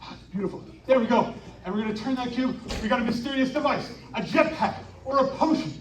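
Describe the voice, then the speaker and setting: A man performing a live interactive story show at a winter carnival, coaxing the audience into shouted call-and-response. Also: very high voice, quick pace, a little hiss or hum. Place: outdoor winter carnival stage. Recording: echoey, distant live recording with crowd.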